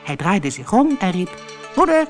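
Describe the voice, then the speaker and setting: A woman from the Netherlands reading a children's fairy tale aloud with expressive storytelling. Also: fairly low pitch, measured pace, faint music behind. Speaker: narrator.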